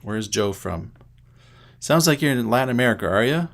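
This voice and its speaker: A middle-aged man from Canada talks casually at an ordinary, mid-range pitch. He hosts a livestream from a home setup, greeting viewers by name and thinking aloud while he fiddles with settings. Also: animated, normal speed, gravelly. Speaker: livestream host.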